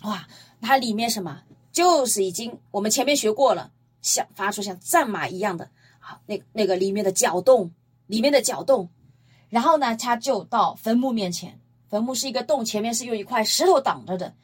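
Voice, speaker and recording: A woman's voice: a little high, normal speed, husky. A woman preaching a Bible-teaching sermon, retelling scripture emphatically and posing rhetorical questions to her listeners. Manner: emphatic, lively storytelling.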